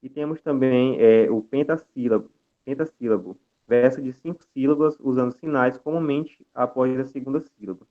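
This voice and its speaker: Young Brazilian man, mid-pitched, guest lecturer presenting over a video call; hesitant delivery full of filler sounds and restarts, audio thin and phone-like. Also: moderate pace. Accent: Brazilian Portuguese. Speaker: guest speaker.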